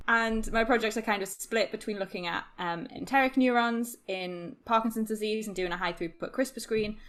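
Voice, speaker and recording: A woman's voice: on the low side, fairly bright tone, a little hiss or hum. A young woman from Newcastle, a podcast producer, chatting casually, giggling and interrupting herself as she rambles. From Newcastle, England. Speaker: podcast producer, postdoc researcher.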